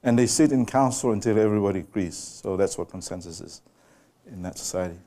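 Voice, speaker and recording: A man's voice: on the low side, mellow. A man from Samoa, giving a public lecture presentation and putting questions directly to the audience. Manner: unhurried, quizzes the audience directly. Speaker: guest lecturer. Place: lecture room with a live audience.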